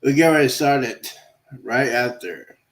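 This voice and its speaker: A man's voice: medium pitch, animated, moderate pace, a bit bright. Chatty man hosting a livestream. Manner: loose, chatty, repeats himself. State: voice going hoarse. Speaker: livestream host. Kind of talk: casual livestream chat.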